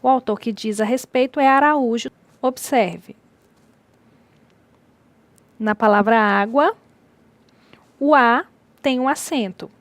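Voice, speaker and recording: A woman teacher giving a recorded distance-learning lecture, explaining slowly and repeating key words. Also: fairly high pitch, no echo.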